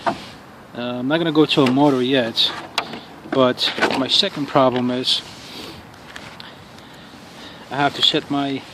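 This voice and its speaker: Man, casual outdoor vlogger, irritated profane rant, halting speech, street noise behind. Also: mid-range voice, steady tone. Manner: angry, profane ranting with halting restarts. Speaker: RC car hobbyist reviewer. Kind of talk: casual outdoor review vlog. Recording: noisy outdoor street recording.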